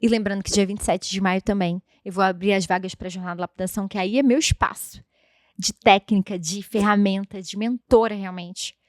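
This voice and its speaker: A woman's voice: medium pitch, fairly even intonation, fairly quick, no echo, clean studio sound. A woman in her thirties hosting a devotional podcast, speaking in an emphatic, chatty way straight to her listeners. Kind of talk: casual devotional podcast talk.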